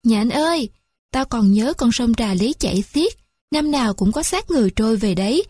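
A bitter, rootless old man laments his lot in a rambling, self-pitying voice, as a woman acts him out. The tone is husky and sits fairly high. It is read as a figure in a mournful storybook. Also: animated, moderate pace, a little mellow, no echo. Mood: wistful.

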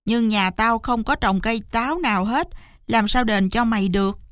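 A woman doing a gruff grumpy old farmer. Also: on the high side, normal speed, fairly bright tone, no room sound, studio quality, natural voice. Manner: gruff and impatient.

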